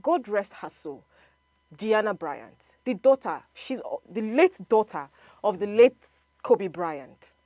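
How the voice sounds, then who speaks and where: A woman pushes back in a casual studio debate. Her pitch moves a lot, and she sounds confident. The sound is dry and close. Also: takes it slowly, no room sound. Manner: assertive, lively, lists examples.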